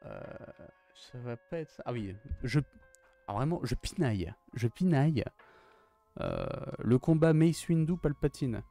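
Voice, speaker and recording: A man's voice: mid-range voice, animated, measured pace, dark tone, dry recording, faint music behind. A young man gushing in a casual, slangy film review, often repeating his exclamations. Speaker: YouTuber reviewing films.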